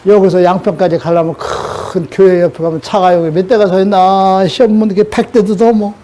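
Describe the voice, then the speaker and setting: A man's voice: high voice, fairly even intonation, fairly quick, dark tone. An older man preaching a sermon in a scolding way, throwing rhetorical questions at his audience.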